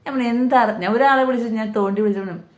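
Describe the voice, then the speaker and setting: A woman's voice: a little high, very fast. Earnest woman preaching, echoey room. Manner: earnest, repeats phrases for emphasis. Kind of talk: sermon.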